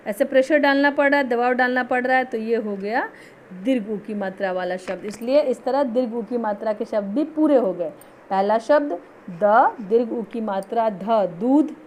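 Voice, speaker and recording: A woman teaching a Hindi lesson, patiently repeating words slowly to show how each vowel is said. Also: a little high, darkish tone, a little hiss or hum. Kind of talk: online school lesson.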